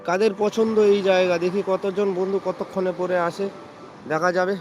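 A man's voice: sits high, flat delivery, normal speed. A man with a West Bengal Bengali accent chatting casually as a live-stream vlogger, often repeating his phrases. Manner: repetitive greetings and phrases. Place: outdoors on a seaside beach at evening. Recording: noisy outdoor beach with traffic sounds.

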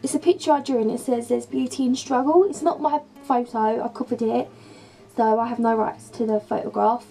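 A young woman with a croaky voice from a sore throat, chatting in a rambling, gushing way as she films a vlog in her bedroom on a camera mic. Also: a little high, steady tone, brisk, dark tone, soft background music, low-quality recording. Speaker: beauty and lifestyle vlogger.

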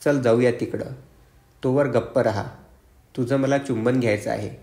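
A man voicing an excitable, effusive young man. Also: mid-range voice, moderate pace, lightly acted. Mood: excited. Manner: eager, exclaiming, confiding. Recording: roomy echo.

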